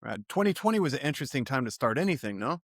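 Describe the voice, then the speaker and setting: A man's voice: mid-range voice, big pitch swings, racing, dry recording, clean studio sound. A man in his late forties hosting a podcast, asking short, loose questions. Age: 40s. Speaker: podcast host. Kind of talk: casual interview questions.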